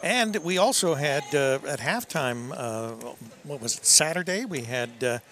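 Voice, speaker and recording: A man commentating on a local high school basketball broadcast, dry and matter-of-fact. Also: animated, a little slow, sharp tone, faint music behind. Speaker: sports commentator.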